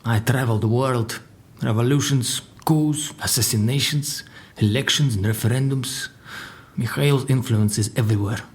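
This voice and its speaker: In an audio drama, a male actor plays a proud, solemn Russian secret service agent. His natural, mid-range voice sounds grave and boastful as he delivers deliberate, dramatic lists.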